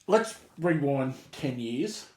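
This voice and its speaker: A man's voice: medium pitch, animated, slow, darkish tone. An Australian man co-hosting a casual chat, telling stories in a blokey, sweary, slangy way. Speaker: podcast co-host telling a gripe. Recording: roomy, echoey sound.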